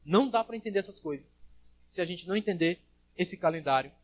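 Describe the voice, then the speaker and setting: A man preaching a sermon as pastor at a church service, swinging from loud calls to quiet asides and acting out the voices he quotes. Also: sits high, animated, fast talker, no echo.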